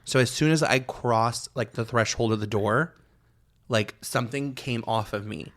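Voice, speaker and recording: A man co-hosting a podcast, telling a story in animated casual chat, full of fillers and swearing. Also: mid-range voice, moderate pace. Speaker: podcast co-host.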